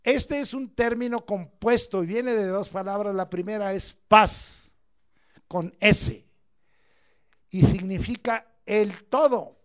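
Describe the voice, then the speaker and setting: At a church service, a man preaches a sermon at a slow pace, emphatic and stretching out key words. He alternates between loud declamation and quiet asides.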